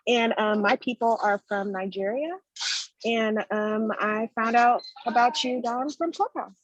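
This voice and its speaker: A woman introducing herself on a video call, polite and measured. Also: a little high, dry recording, lo-fi sound. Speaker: workshop participant.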